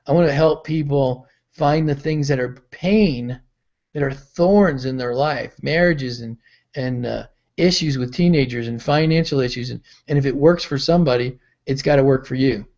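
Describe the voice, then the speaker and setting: A middle-aged mentor and pastor talks at a moderate pace in a mid-range voice that's gravelly and darkish, telling motivational stories on a call and acting out the voices within them. The recording is dull lo-fi call audio.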